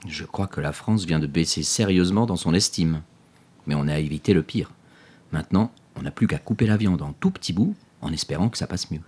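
A man's voice: deep voice, brisk, a little mellow, slightly rough. A man playing a wry father with a dry, teasing sense of humor in an audiobook drama. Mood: explaining. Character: wry, easygoing adult father, fond of dry jokes.

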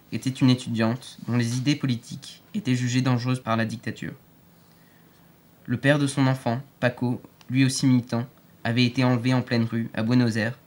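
A man reads an audiobook aloud in a clear, steady storytelling manner. His voice sits in a middle range for a man. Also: medium pitch. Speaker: narrator. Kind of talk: audiobook narration.

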